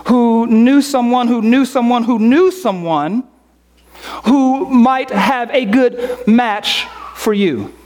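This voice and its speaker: Woman preacher, sermon delivery, unhurried, emphatic repetition, rhetorical questions. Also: on the high side, a little mellow. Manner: slow, emphatic, repeating phrases, rhetorical questions.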